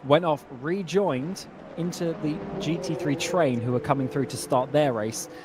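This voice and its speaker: Male race commentator over loud engines. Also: a little high, normal speed, noisy background. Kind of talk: motorsport broadcast commentary.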